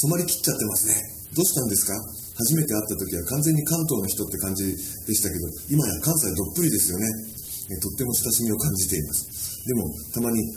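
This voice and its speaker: A radio host, a man, reads listener letters aloud, his pitch lively and full of movement. He breaks in with playful asides as he goes. The room rings around him, with clear noise underneath. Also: reverberant, rough recording. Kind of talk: reading listener mail on air.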